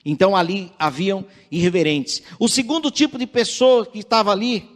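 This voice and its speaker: High-voiced Brazilian preacher in a reverberant church. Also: male voice. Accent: Brazilian Portuguese. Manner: measured, earnest preaching, reads scripture aloud. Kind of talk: sermon. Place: church sanctuary. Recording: church livestream with long hall reverb.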